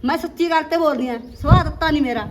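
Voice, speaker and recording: A woman's voice: background noise, natural voice. A woman with a Punjabi accent playing a nagging, scolding village mother in a family drama. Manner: scolding, complaining, quick and shrill. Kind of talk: amateur village drama acting.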